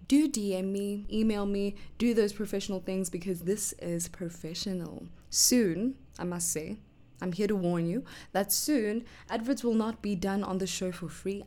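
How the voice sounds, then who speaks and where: A woman hosting her own podcast in an upbeat, chatty way. Her pitch sits in a plain middle range, and now and then she drops to an almost whispered aside. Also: warm tone. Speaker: podcast host. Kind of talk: solo podcast chat.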